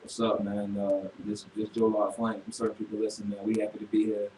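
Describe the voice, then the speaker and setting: A man in his twenties from Florida, a rapper answering interview questions in an easygoing, halting way. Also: on the low side, monotone, warm tone. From Florida, USA. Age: 20s. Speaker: rapper, guest. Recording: echoey room from far off, clear noise.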